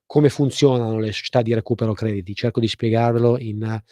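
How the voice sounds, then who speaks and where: A man hosting a live call-in radio show, explaining things informally with hesitant, pause-filled phrasing. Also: fairly low pitch, fairly even intonation, warm tone, dry recording, clean studio sound. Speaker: radio host and legal advice presenter.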